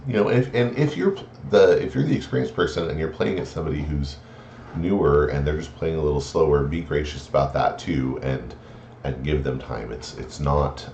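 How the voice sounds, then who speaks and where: A man's voice: extremely low pitch, gravelly, darkish tone. A man giving friendly, considerate advice in a casual instructional talk, hesitant with many fillers and restarts. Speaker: card game player giving etiquette advice. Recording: roomy, slightly muffled, faint noise.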